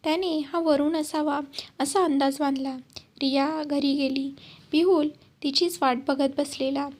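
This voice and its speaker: A woman with a high voice narrating a storybook tale. She reads at a steady, measured pace, as a channel's storyteller.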